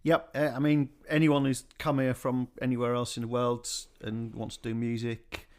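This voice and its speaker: A man speaking as a guest in a radio interview, talking about his music organisation in a relaxed, rambling way with many fillers. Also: medium pitch, moderate pace, smooth.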